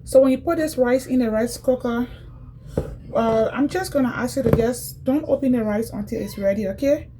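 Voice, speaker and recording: A woman's voice: a little high, moderate pace, background noise. A woman from Liberia, casually demonstrating cooking in a home kitchen and chatting directly to her viewers, often repeating herself. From Liberia, West Africa. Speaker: cooking vlogger.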